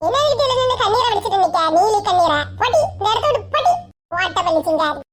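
Bossy, taunting young husband with a Kanyakumari Tamil accent, voiced by a woman, high and quick. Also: animated, over a noisy crowd. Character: hot-tempered young husband.

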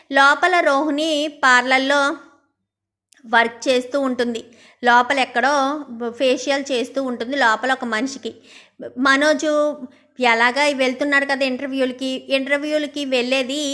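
A woman's voice: sits high, bright, forceful tone. A woman casually retelling a serial episode, narrating and quoting each character in her own voice. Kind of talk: casual spoken story recap.

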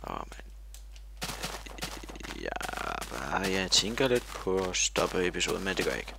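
Low, gravelly man rambling over gameplay. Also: big pitch swings, noisy background. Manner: rambling and silly, full of fillers. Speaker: gamer. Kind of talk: video game commentary.

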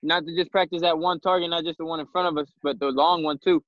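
A man's voice: on the high side, steady tone, fast talker, dry recording. A man in a boxing class making casual remarks to his coach over a video call, repeating himself as he goes. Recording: dull lo-fi video-call audio.

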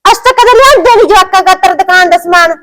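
A woman's voice: extremely high pitch, quick pace, fairly bright tone. An actress playing a put-upon young daughter-in-law with a Punjabi accent, who grumbles under her breath and answers back sharply. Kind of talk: village short film acting.

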